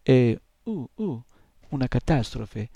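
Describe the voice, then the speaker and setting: A man's voice: medium pitch, big pitch swings, slow pace, gravelly, mellow, no room sound, heavily acted. A man voicing a small, whiny, fretful male imp, with a whimpering, stammering tone.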